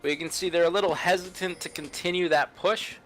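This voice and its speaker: A man's voice: high-pitched, steady tone, fast talker, soft background music, poor audio. A man giving color commentary on a video game match, analytical and joking as he talks through item builds and timers. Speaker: esports caster.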